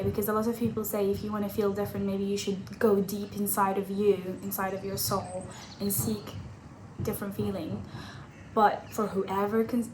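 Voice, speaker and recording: A woman in her twenties chats openly to camera in a casual vlog, laughing at herself as she goes. Her voice bounces around an echoey room. There is clear noise in the background. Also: medium pitch. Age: 20s. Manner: chatty and candid, laughing at herself. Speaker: vlogger. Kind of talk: casual talking-head vlog.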